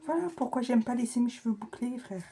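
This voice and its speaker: Husky young woman vlogging. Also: on the high side, lively intonation, fairly quick, dark tone. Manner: chatty, self-mocking, often drops to a whisper. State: flustered and rushed. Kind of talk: casual vlog chat.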